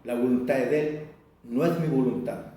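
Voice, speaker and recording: A man's voice: medium pitch, warm tone. Older man in an echoey hall. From Chile. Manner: rambling, repeats words, slow deliberate stretches. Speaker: Mapudungun teacher. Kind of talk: informal class talk. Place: community cultural center. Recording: very echoey room, speaker far from mic.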